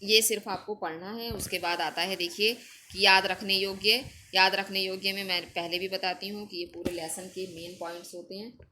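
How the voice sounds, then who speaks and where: A woman's voice: fairly low pitch, pushed and bright, a little hiss or hum. A woman teacher giving a recorded school lesson, explaining grammar step by step and often checking with the class. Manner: patient, explains step by step with "theek hai" checks.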